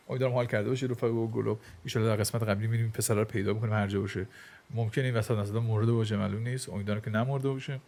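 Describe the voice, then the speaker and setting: A man, chatting excitably to his viewers as he plays and comments on a video game. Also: medium pitch, creaky, slight background noise. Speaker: gaming YouTuber. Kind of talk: let's play commentary. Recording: game music playing behind.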